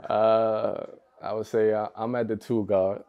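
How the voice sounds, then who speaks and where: A young American man, a basketball player appearing as a podcast guest, chats in a laid-back, easygoing way, laughing often and using loose phrasing full of fillers. His voice is lowish, with a level tone and a measured pace, and the audio sounds dull. It's a relaxed, casual interview chat.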